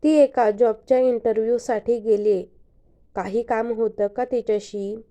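A woman's voice: fairly high pitch, fairly even intonation, moderate pace, dark tone, muffled recording, natural voice. A woman doing a friendly, easygoing young woman.

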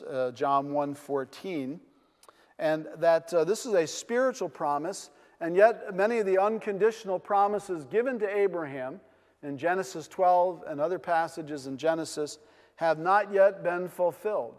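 An older man with a New England accent preaching a sermon from a pulpit in a large wood-paneled church, earnest, with rhetorical questions and frequent fillers. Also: on the high side. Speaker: pastor. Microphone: pulpit mic. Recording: long church reverb.

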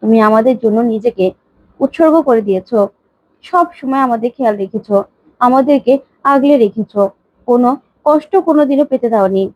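A woman's voice: on the high side, brisk, pauses often, no room sound, muffled recording, lightly acted. A woman voicing a heartbroken middle-aged mother who speaks in a tearful, pleading way. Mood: sorrowful.

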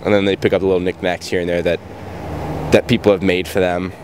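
A man's voice: low voice, flat delivery, fast talker. A young man answering a street interview outdoors at night, rambling and offhand with frequent restarts. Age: young adult. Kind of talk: casual vox pop answers. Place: outdoors at night by a brick wall. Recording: street noise behind.

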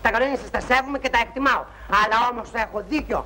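An actor playing a naive young soldier in a 1960s film comedy, rambling and apologizing, with pompous turns of phrase. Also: male voice, very high voice, pushed and bright, exaggerated voice. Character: naive, talkative young soldier, pleading and indignant. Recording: noisy old film soundtrack.

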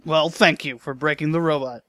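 A man giving sarcastic, deadpan commentary over a video game. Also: on the high side, normal speed, dry recording. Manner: dry, joking, deadpan. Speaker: let's play commentator. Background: game audio.

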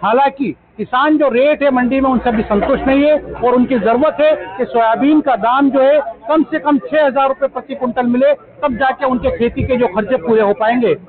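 A man's voice: very high-pitched, normal speed, hardly any pauses. A man reporting for TV news from a grain market, interviewing farmers with a handheld mic. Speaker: field reporter. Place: busy grain market shed, outdoors. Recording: phone-like narrow sound, crowd behind.

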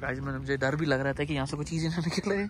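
A young man filming a casual family travel vlog on a handheld phone, excitedly talking to viewers outdoors and from a car in heavy rain. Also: a little high, fast talker, a little hiss or hum. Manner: excitable, keeps addressing viewers as guys. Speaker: vlogger.

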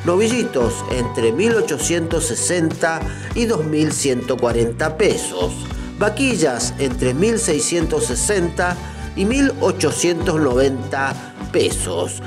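Un hombre que narra una noticia con guion, leyendo de forma medida como reportero. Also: male voice, on the high side. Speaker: news reporter. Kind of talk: scripted news narration.

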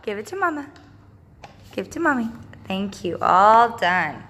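A woman's voice: mid-range voice, very animated, unhurried. A young woman, a mother chatting casually and coaxing her small child at home, recorded on a phone. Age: young adult. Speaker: mother vlogging with her toddler. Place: indoors at home, living room and laundry area. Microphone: phone at arm's length. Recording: echoey room with clear background noise.

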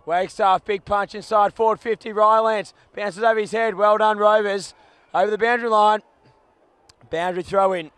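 A man calling a football match live, rattling off players in clipped bursts and shouting at big moments. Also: sits high, steady tone, moderate pace, smooth, no room sound. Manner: clipped bursts of names and actions. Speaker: football commentator. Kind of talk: live play-by-play commentary. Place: commentary box at an outdoor ground.

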